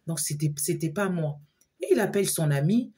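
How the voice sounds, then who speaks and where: Husky woman telling a story. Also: low voice, moderate pace. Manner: animated, repetitive, frequent fillers. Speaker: storyteller addressing her viewers. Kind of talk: casual storytime monologue.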